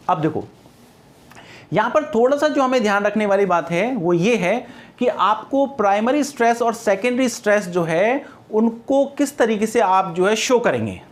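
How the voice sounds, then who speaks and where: Male teacher, classroom lecture style; drills key terms and quizzes himself, mixing in English terms. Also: high-pitched. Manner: repeats key terms, asks and answers his own questions; mixes English terms into Hindi explanation.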